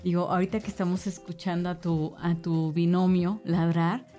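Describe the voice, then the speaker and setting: A woman co-hosting a casual podcast, asking playful questions in a relaxed way. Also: lowish voice, normal speed, soft background music. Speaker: podcast co-host. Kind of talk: casual chat.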